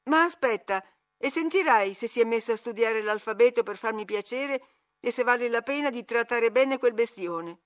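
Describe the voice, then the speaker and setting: A proud young lady speaks with high, lively scorn, as a woman narrator puts her on. Her voice lifts brightly above the narration. It belongs to an audiobook. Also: normal speed, close to an everyday voice. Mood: pleading.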